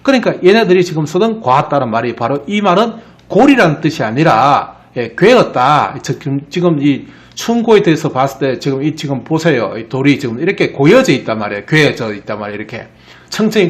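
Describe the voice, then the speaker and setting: A man from the Gyeongsang region with a Gyeongsang accent, lecturing on word origins and checking in with rhetorical questions. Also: on the high side. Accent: Gyeongsang Korean. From Gyeongsang region of Korea. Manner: explains with frequent rhetorical questions. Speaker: etymology lecturer. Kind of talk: lecture over slides.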